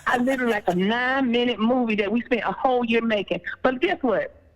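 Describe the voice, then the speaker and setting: A woman's voice: on the high side, quick pace. A woman who is a veteran teacher, telling a classroom story in a casual interview and acting out her own words to the class. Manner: animated, re-enacts her own classroom talk. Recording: dull, echoey hall sound.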